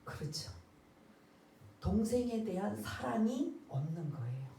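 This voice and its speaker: A woman's voice: mid-range voice, sing-song, unhurried, gravelly, warm tone, a little hiss or hum. A woman pastor preaching a sermon, asking the congregation questions and acting out the characters' words. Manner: asks the congregation questions and waits for answers; acts out the characters' words in quotes. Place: church sanctuary. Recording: roomy church sound, voice heard from a distance.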